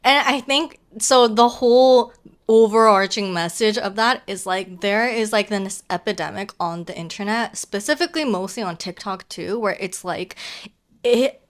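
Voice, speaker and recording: A young woman co-hosts a laid-back podcast, telling internet stories with plenty of "like" and the odd swear word. Her voice sits at an ordinary middle pitch. She slips Japanese phrases into her English. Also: normal speed. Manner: animated storyteller, heavy "like" filler, swears, mixes in Japanese. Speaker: podcast co-host. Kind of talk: casual chat.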